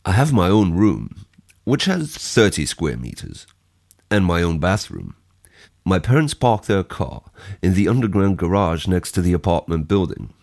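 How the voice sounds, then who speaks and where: A man's voice: low-pitched, very animated, unhurried, a little mellow. A young man giving a scripted first-person description of his home for a listening exercise, read steadily.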